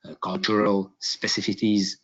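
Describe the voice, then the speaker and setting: A man from Hungary giving a business webinar presentation, halting, with many fillers and restarts. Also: on the low side, completely flat delivery, slightly rough. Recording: dull lo-fi webinar audio.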